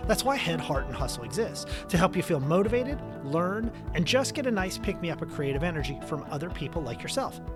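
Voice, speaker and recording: A man's voice: fairly high pitch, big pitch swings, fairly quick, hardly any pauses, music in the background. An American man hosting a podcast, speaking in a conversational introduction style to his listeners. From United States. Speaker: podcast host and interviewer.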